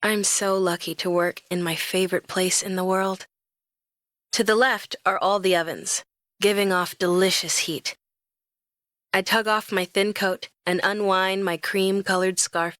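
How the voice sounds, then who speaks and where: Brief: young woman, romance audiobook narrator, lively and expressive, close dry read. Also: medium pitch, a little slow, no room sound.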